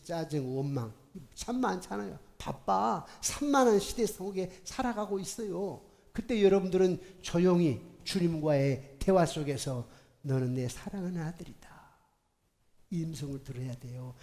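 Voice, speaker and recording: A middle-aged male pastor giving a sermon in a church, emphatic and colloquial, swinging between hushed and loud. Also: a little high, normal speed, gravelly, hardly any pauses. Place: church sanctuary. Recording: long hall reverb in a church.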